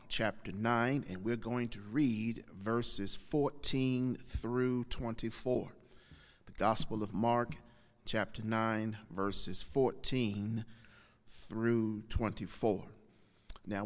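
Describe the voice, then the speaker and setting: A man preaching as pastor into a pulpit microphone, reading scripture in a measured, deliberate way and repeating the references for his congregation. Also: medium pitch. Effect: speaking into a pulpit microphone. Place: church sanctuary. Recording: long church reverb.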